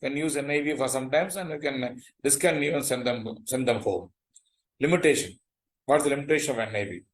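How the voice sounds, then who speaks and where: Halting male doctor, South Indian accent. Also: medium pitch. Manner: halting, repetitive, polite. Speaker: doctor giving a medical lecture. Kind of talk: webinar lecture and question answering.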